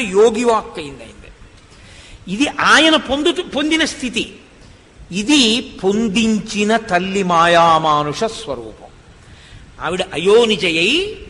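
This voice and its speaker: A man's voice: sits high, pushed and bright. A man giving a devotional discourse, telling the story expressively, asking rhetorical questions and reciting Sanskrit verses. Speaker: religious discourse speaker. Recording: long hall reverb.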